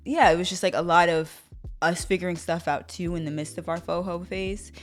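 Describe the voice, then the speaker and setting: Young woman podcasting, lively casual chat, lots of um and like, low-ish voice, faint music. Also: a little fast. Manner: animated, laughs often, many fillers. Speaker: podcast co-host.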